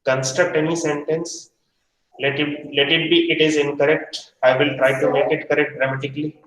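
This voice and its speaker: A man's voice: fairly high pitch, level tone, normal speed, fairly bright tone, a little hiss or hum. A man teaching a hotel management practical class, stern and repetitive, pressing students for answers. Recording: echoey room from far off.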